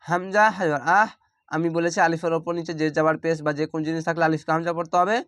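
A man's voice: a little high, level tone, fast talker, a bit bright, clear, resonant tone, no room sound. A young man from Bangladesh with a Bangladeshi Bengali accent, teaching Quran reading by spelling each word letter by letter and drawing out the recited words, recorded close to the mic. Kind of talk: slow spelled-out recitation lesson.

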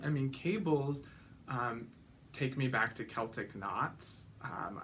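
Bright-voiced man with a rambling podcast chat. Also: medium pitch, a little hiss or hum. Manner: gentle, rambling, many ums and restarts. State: slight frog in throat. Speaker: podcast host. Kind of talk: casual solo podcast chat about knitting and sewing.

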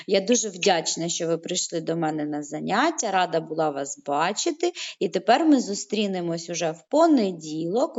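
A woman teaching young children in an online lesson, patient and encouraging, stretching words out slowly, heard through a video call. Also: medium pitch, a little mellow. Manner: slow, drawn-out syllables when saying words aloud. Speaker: primary school teacher. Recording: muffled online call audio.

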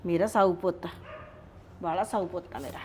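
A woman with a Punjabi accent playing a scheming older grandmother who coaxes a child in a soft, conspiratorial way. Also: fairly high pitch, expressive, brisk, a little hiss or hum, natural voice. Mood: coaxing. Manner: coaxing, conspiratorial.

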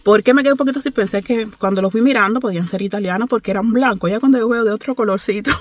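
Rapid-fire and on the high side, this Cuban woman in her thirties vlogs from the back of a car, telling a story to her phone at arm's length. She speaks Cuban Spanish in a chatty, animated manner, laughing often, and there's no echo.

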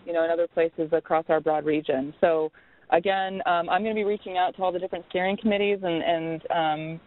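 A program coordinator calling in remotely, heard over a cell phone line, giving slow, pause-filled welcome remarks on a webinar call. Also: medium pitch.

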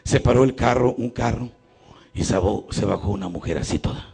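A man's voice: fairly low pitch, brisk, vocal fry, darkish tone, slightly rough. A man with a Mexican Spanish accent, a priest telling a folksy, joking story in a sermon at a church healing retreat.

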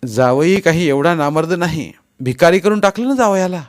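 A man's voice: mid-range voice, a little slow, lightly acted. A male narrator voicing a proud husband who bristles with anger and snaps back sharply. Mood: angry. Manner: angry, sharp outbursts. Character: proud husband, hot-tempered and offended.

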